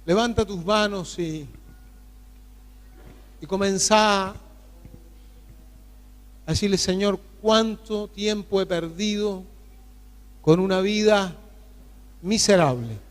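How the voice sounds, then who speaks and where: A male pastor leading a fervent, pleading prayer during a church sermon, with many pauses. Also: high voice, in a large hall. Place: church sanctuary.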